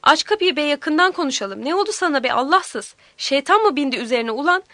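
A woman's voice: sits high, lively intonation, fast talker, bright, forceful tone, no echo, heavily acted. A woman voicing a tough, foul-mouthed village aunt who bellows and curses while protecting a girl. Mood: rough demanding. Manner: cursing, bellowing.

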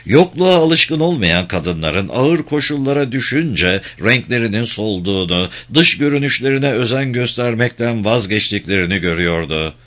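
A man narrating a novel as an audiobook, in a measured, steady reading voice. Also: mid-range voice.

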